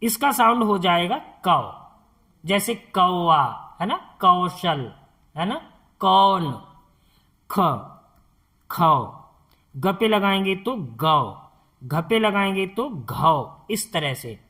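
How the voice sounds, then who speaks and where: A man teaching a slow, step-by-step lesson as a Hindi tutor. He speaks patiently, repeats each sound and quizzes the viewer on it. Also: high voice, animated, bright, forceful tone.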